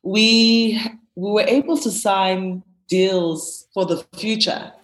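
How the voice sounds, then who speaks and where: Woman, interview guest, earnest, animated, mid-pitched voice, chatty with fillers. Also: slow pace, low-quality recording. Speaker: founder of a creative agency. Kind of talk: casual interview talk.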